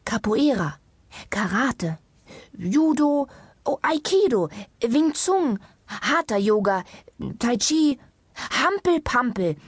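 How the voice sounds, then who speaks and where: A woman's voice: medium pitch, big pitch swings, a little slow, breathy edge, no echo. A woman voicing a slim, earnest female doctor who eagerly reels off lists, in a children's audiobook. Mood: listing eagerly.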